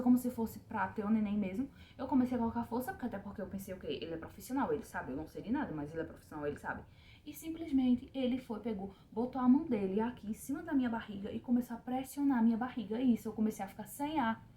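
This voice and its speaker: Fast-talking young woman. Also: fairly high pitch, mellow, a little hiss or hum. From Pernambuco, Brazil. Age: young adult. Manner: emotional, addresses viewers directly, repeats words for emphasis. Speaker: vlogger. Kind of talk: personal storytelling to viewers.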